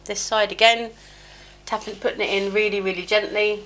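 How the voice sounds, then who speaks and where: In a rough recording with slight background noise, a middle-aged beauty vlogger talks at normal speed in a medium-pitched, steady, somewhat bright voice, slightly chesty from a cold. She does her makeup at home during a rambling get-ready-with-me chat, scattered, self-mocking, and filler-laden. A small clip mic near her is sometimes covered.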